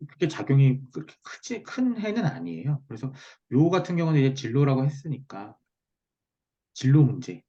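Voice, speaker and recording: A man's voice: mid-range voice, sing-song, fairly quick, warm tone. A man teaching in a one-on-one online lesson, explaining step by step and checking understanding with short tag questions. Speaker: teacher of Korean saju fortune-telling. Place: online video call. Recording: muffled, lo-fi video call audio.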